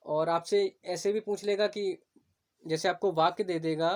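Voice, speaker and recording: A woman teaching an exam-prep Hindi grammar lecture. She explains step by step, keeps checking in with her students, and slows down to spell out her examples. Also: fairly low pitch, fairly even intonation, a little mellow.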